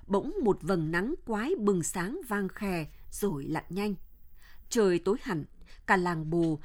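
A woman narrating a historical novel as an audiobook. Her delivery is measured and steady, and her pitch sits in a middle range.

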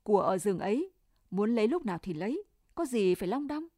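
A woman's voice: mid-range voice, very animated, brisk, mellow, dry recording, studio quality. A woman voicing a caring, practical young male soldier in a storybook reading, speaking plainly and reassuringly.

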